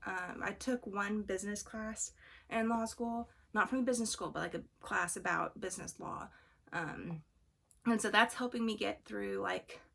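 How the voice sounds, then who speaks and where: A young woman chats to her camera from a room at home in a loose, rambling vlog. Her voice sounds congested from allergies and throaty, with a gravelly fry. She wanders off on tangents and leans on fillers as she goes. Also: medium pitch, normal speed, sharp tone. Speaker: vlogger studying for the bar exam. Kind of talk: casual vlog chat. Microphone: camera on a fixed angle.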